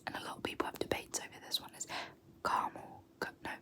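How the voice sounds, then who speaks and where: Here a young British woman makes ASMR content by whispering words slowly and repeating them. Small bursts of laughter slip in as she goes.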